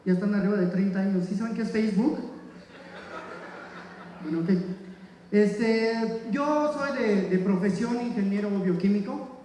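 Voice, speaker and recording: Stand-up comic, Mexican man, high voice, crude banter, echoey hall from afar. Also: dark tone, distant mic, a little hiss or hum. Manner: crude, rapid-fire audience banter. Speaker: stand-up comedian. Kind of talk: stand-up comedy set. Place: live stage in a hall with audience.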